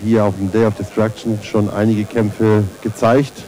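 A man commentating on a fight off the cuff, in measured, halting phrases. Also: fairly low pitch, little pitch movement, warm tone, poor audio. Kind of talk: unscripted sports commentary.

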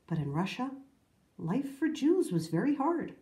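A woman's voice: fairly high pitch, very animated, dark tone. Woman reading as an earnest old grandmother. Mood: solemn. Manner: solemn, measured telling. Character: earnest old grandmother recalling hard times. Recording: roomy echo.

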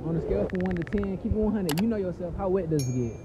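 A man's voice: high-pitched, expressive, quick pace, dull audio. A young man from Dallas, hyping up a street interview in a shopping mall with a handheld mic, full of slang. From Dallas, Texas. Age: young adult. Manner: loud, slangy hype talk. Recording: background music over mall noise.

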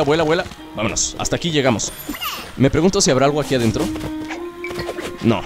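Excitable man narrating gameplay. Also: mid-range voice. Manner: excitable, chatty, cheers himself on. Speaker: gaming YouTuber. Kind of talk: let's play commentary. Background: game music.

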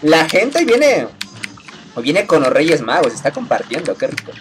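A woman's voice: low voice, very animated, measured pace, over loud music. A woman chatting casually with her viewers while she plays a video game, playful and teasing and laughing often. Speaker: game streamer. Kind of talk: casual live-stream chat while gaming.

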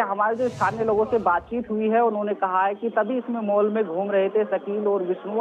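A male field reporter giving an earnest live news report from outdoors at a scene, repeating the key questions. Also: high-pitched. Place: outdoors at a mall. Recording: tinny phone-line audio.

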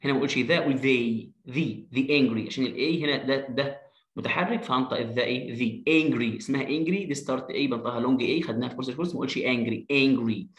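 A man with an Egyptian Arabic accent teaching an English reading lesson, sounding words out slowly letter by letter, with quick explanations in Arabic. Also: medium pitch, roomy sound, low-quality recording.

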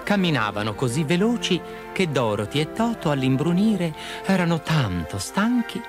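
A man narrating a children's fairy tale, with lively, expressive storytelling. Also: on the high side, moderate pace. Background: background music.

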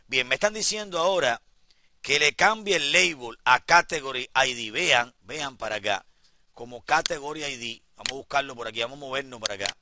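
A man teaching a software class in a classroom, repeating each step and talking straight to his students. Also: medium pitch, dry recording. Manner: repeats instructions, addresses students directly. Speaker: computer instructor.

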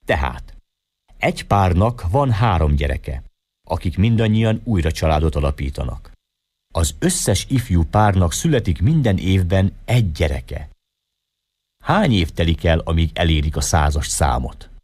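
A man's voice: deep voice, sing-song, a little mellow, breathy edge, exaggerated voice. A man voicing a smiling, teasing man who sets a counting riddle, in an audiobook reading. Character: smiling, mocking Indian man setting a riddle.

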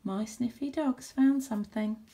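A woman's voice: fairly high pitch, measured pace, dark tone. Woman playing a bossy, confident dog owner.

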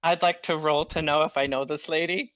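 A player speaking in character during a tabletop game, animated and theatrical. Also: medium pitch, brisk, clean tone, dry recording, muffled recording.

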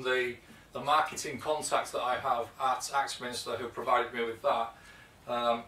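A man's voice: mid-range voice, bright, forceful tone. Chatty British man in an echoey workshop. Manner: chatty, rambling with fillers and restarts. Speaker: woodworking video host. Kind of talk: casual show-and-tell vlog. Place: home workshop, indoors. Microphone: camera mic from a few feet away. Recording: echoey workshop, distant mic.

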